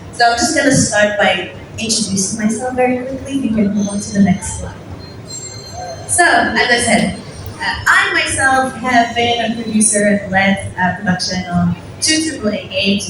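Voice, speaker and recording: A young woman from Morocco giving a casual, self-deprecating conference talk to an audience. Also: medium pitch. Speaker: conference speaker. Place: large hall at a conference. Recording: echoey hall from far off, noisy.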